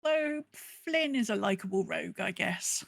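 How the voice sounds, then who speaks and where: A woman co-hosts a podcast in a casual, playful, chatty way, sometimes reading out messages. Her gravelly, medium-pitched voice has lively intonation and a measured pace, captured in clean studio sound with no room sound.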